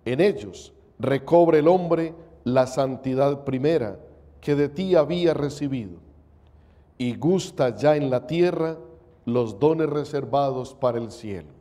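Slow solemn priest in cathedral-like echo. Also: male voice, mid-range voice, mellow. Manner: measured, reverent. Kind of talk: solemn liturgical prayer and preaching. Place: indoor chapel, at altar and lectern. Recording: echoing chapel with long reverb.

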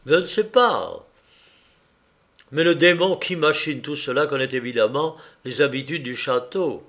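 A man reading an audiobook voicing a commanding gentleman thief who questions sharply and urgently. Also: mid-range voice, lively intonation, measured pace.

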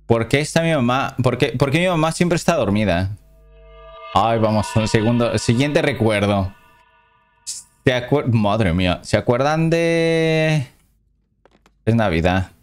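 Slow-talking man playing a horror game. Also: mid-range voice, expressive, faint music behind. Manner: reads game dialogue aloud between casual reactions. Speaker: gameplay commentator. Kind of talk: let's play commentary.

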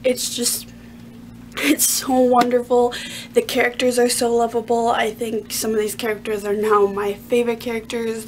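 A woman's voice: on the high side, slight background noise. A young woman reviewing a book for her vlog, chatty and gushing, laughing often and filling gaps with "like".

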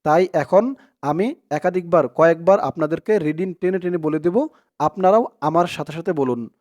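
A man teaching Quran reading, spelling out letters syllable by syllable, then chanting the verses in long, drawn-out tones with quick plain explanations in between. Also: fairly high pitch, a little mellow. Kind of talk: step-by-step recitation lesson.

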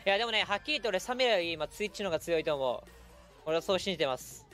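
A man streaming a game and talking over it live, his pitch swinging widely as he reacts. He jumps from chatter to sudden shouts, with faint music playing underneath. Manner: excitable, quick shouted reactions. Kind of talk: live gameplay commentary.

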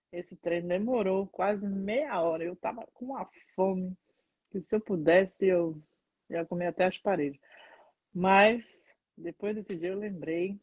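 Husky-voiced Bahian woman chatting. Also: fairly low pitch, dry recording, lo-fi sound. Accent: Bahian Brazilian Portuguese. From Salvador, Bahia, Brazil. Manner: chatty and animated, often slowing to stress words. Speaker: dance and capoeira teacher. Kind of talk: casual online chat answering viewer questions. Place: indoors, seated in front of a painted mural.

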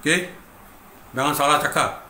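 A middle-aged Malaysian man with a Malaysian accent speaks in a fairly high, bright and tense voice. He talks emphatically and repeats himself for weight. The recording has a roomy echo with faint ambience behind it. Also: moderate pace, slight background noise. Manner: emphatic, repetitive, keeps addressing the listener as "bang". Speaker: guitarist telling his story. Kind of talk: emotional personal storytelling.

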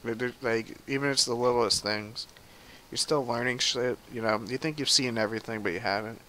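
A man's voice: medium pitch, fairly even intonation, fairly quick, bright, forceful tone, slight background noise. Chatty, profane man streaming a game. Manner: chatty, profane, reads chat aloud. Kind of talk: casual live gameplay commentary.

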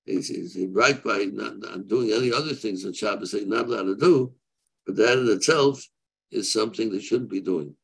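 A man in his seventies, a rabbi answering questions off the cuff on a video call, haltingly repeating and rephrasing as he weighs both sides. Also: fairly low pitch, vocal fry, fairly bright tone, slightly rough. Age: 70s. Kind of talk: unscripted religious question-and-answer. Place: room, seated on a video call. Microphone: video call microphone.

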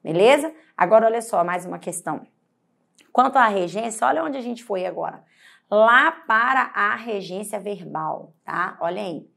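Woman, Brazilian Portuguese accent, gravelly voice, grammar lesson, keeps checking in with the student. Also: medium pitch, moderate pace. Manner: lively, talks straight to the student with frequent tag questions. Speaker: teacher. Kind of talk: exam-prep grammar lesson.

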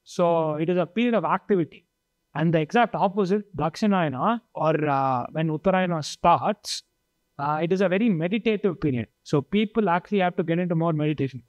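Male explainer, twenties, Indian accent, high-pitched voice, dry close miking. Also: a little fast, dry recording, muffled recording. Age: 20s. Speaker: podcast panelist. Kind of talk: explanatory talk. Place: indoor meeting room. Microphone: lapel mic.

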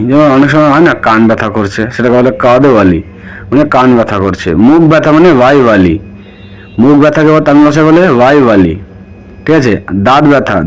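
A man with a Bengali accent gives a spoken vocabulary lesson, repeating each word and asking and answering his own questions. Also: medium pitch. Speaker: language teacher.

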